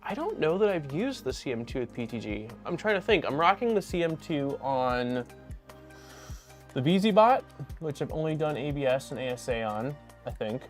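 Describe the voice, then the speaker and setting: A man hosting a casual livestream, speaking in a somewhat high voice. He is upbeat and rambling, with frequent fillers. Faint music plays softly behind him. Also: expressive, normal speed. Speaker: livestream host.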